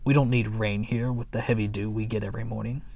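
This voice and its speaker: A man's voice: lowish voice, level tone, fast, a little mellow. A man voicing a gloomy, pompous old male muskrat who fancies himself a philosopher, speaking in a lofty, dismissive way. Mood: ponderous.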